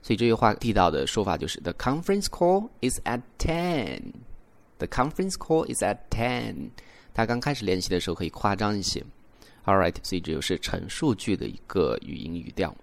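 Young male language-podcast host, low voice with very lively pitch, patient explainer who models exaggerated intonation. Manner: explains slowly, demonstrates English intonation with exaggerated rises and falls. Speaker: English teacher and podcast host. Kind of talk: bilingual language lesson.

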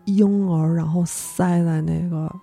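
A young woman narrating a horror story as podcast host, acting out each character's lines with sudden jumps in pitch. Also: measured pace, vocal fry, faint music behind. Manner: animated telling, acts out the characters' lines with sharp pitch jumps.

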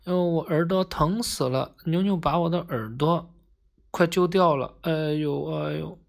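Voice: medium pitch, measured pace, creaky. A storyteller voicing a little grey toy rabbit that moans and complains about a sore ear in a bedtime story. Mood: whimpering. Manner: moaning, complaining.

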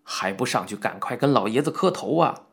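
A man's voice: mid-range voice, expressive, brisk, vocal fry, breathy edge, pitched below the performer's own voice. A man voicing a stern, bossy middle-aged mentor who scolds curtly in an audiobook. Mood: scolding. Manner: scolding, curt.

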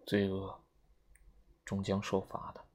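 A man reading an audiobook, voicing an elderly spinster who speaks in a flat, sharp, moralizing way. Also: on the low side, fairly quick, gravelly, slightly rough. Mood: stern. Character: stern, self-righteous elderly spinster.

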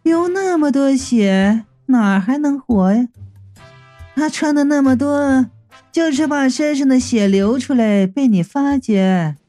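A reader voicing a sly, calm young woman who talks softly and knowingly in an audiobook story. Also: high-pitched, unhurried, soft background music, voice pushed up. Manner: soft, hushed and knowing. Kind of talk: audiobook character voice.

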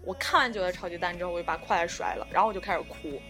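A woman's voice: fairly low pitch, racing, pushed and bright, soft background music. A woman chatting casually on a podcast, telling a story in a rambling way with lots of fillers and the odd swear word. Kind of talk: casual chat.

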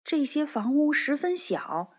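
A woman reading a children's fairy tale aloud in a gentle, expressive storytelling manner. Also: high voice, a little slow. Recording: dull lo-fi recording.

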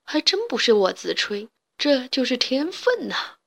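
A pompous rooster father from a children's storybook, a director of a small theater troupe, as a woman reading puts him on. He blusters and brags in a self-satisfied way, and his voice sits fairly high. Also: very animated, measured pace, creaky, heavily acted. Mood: smug.

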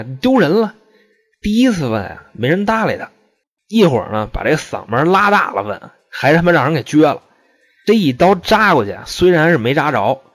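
A man telling a true-crime story in a casual, profane, chatty way, with frequent rhetorical asides. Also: medium pitch.

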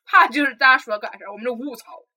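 A young woman with a Northeastern Chinese accent, co-hosting a podcast and telling animated gossip about her school days. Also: on the high side, rapid-fire. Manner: animated gossiping, acts out voices. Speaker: podcast co-host. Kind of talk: casual storytelling chat.

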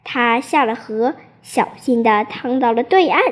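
A woman reading a children's story aloud in a clear, measured way. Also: a little high. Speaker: narrator.

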